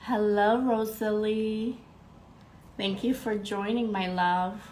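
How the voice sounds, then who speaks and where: Her pitch sits in the middle and her intonation stays fairly even as she talks slowly with a darkish tone, over slight background noise. This young podcast host, congested and a little nasal, chats casually on a live stream, bubbly and calling out viewers by name amid fillers.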